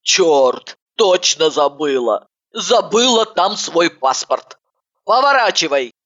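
Чтица озвучивает Иванову, суетливую рассеянную женщину-патологоанатома, говорящую ниже и медленнее, резко и грубовато. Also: female voice, on the low side, lively intonation, slow, fairly bright tone, lo-fi sound. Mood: flustered. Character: brash, fussy woman, a scatterbrained forensic doctor.

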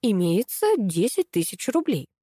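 A woman's voice: mid-range voice, sing-song, measured pace, mellow, husky, dry recording, clean studio sound. A woman voicing a stern female show manager who scolds and keeps order. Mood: scolding. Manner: curt, scolding.

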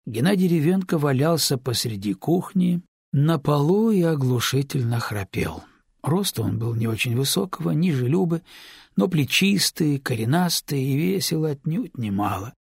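Husky male audiobook narrator, dry sound. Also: fairly high pitch, no echo. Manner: steady, measured storytelling. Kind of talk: scripted narration. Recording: dry close studio read.

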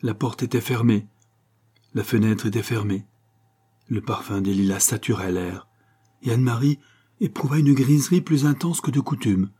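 A man reading a literary story aloud as narrator, measured and expressive. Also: mid-range voice, husky.

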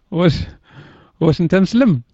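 A man's voice: sits high, dark tone, breathy edge, dry recording. A man with a Moroccan accent hosting an online voice chat room, teasing the people he talks to, laughing often and dropping in French words. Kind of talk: casual chat. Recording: dull, dry lo-fi voice chat audio.

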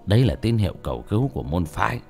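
A man voicing a resolute old exorcist who speaks in a grave, calm, resigned way, in an audiobook. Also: deep voice, rapid-fire, creaky, husky, faint music behind, heavily acted.

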